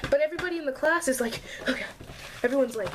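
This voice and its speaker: Young woman ranting, slightly high voice. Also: fast talker, noisy background. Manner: exasperated, sarcastic, mocks classmates in put-on voices. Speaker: vlogger. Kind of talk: casual storytime rant.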